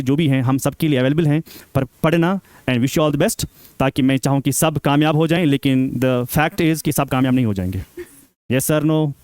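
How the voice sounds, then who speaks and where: A man speaks to exam aspirants in an emphatic, questioning way, switching between Hindi and English. His voice sits slightly high. The sound is dry and close. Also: a little mellow, no echo. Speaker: seminar speaker. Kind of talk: exam guidance talk to students.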